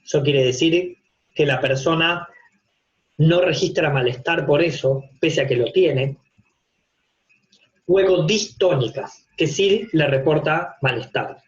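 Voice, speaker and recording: Here a man's slightly high voice moves at a somewhat slow pace as he delivers a casual online psychopathology lecture from his home office. He is a university teacher with an Argentine accent who explains things gradually, leaning on everyday examples and rhetorical questions. The recording is dull, lo-fi video-call audio.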